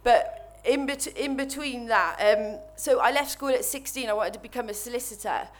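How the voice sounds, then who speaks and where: A woman in her thirties with a Welsh accent, nervously telling her recovery story to an audience at a microphone, halting and full of restarts. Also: on the high side. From Wales. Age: 30s. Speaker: speaker sharing recovery story. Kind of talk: personal testimony to an audience. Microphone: microphone while standing before an audience.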